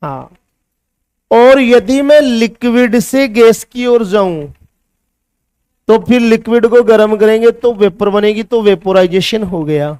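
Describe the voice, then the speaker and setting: A male chemistry teacher with a Hindi accent lectures a class in a high-pitched, slow, slightly mellow voice with a clean tone, in a dry, studio-quality recording. He blends English science terms into Hindi and asks his students questions before answering them himself.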